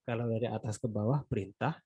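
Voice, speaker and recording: A man with an Indonesian accent teaching a relaxed, conversational Quran exegesis lesson, tagging phrases and trailing off softly. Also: on the low side, fast, breathy edge, dry recording. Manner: conversational, frequent "gitu kan" tags, trailing softly. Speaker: religious teacher.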